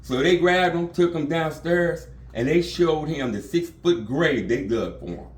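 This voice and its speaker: A man's voice: fairly high pitch, a little slow, reverberant. A man telling a dramatic story casually and with vivid energy. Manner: animated, vivid retelling.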